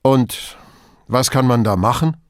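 A man's voice: medium pitch, unhurried, dry recording, lightly acted. A rude, arrogant male boss who snaps short answers, voiced by a male audiobook reader. His tone is curt and mocking. The voice is dry and close to the mic. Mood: curt, gruff.

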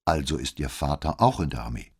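A calm, probing police commissioner, read by a man who asks measured questions. The voice sits very low with a husky grain. It belongs to an audiobook interrogation scene. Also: full character voice.

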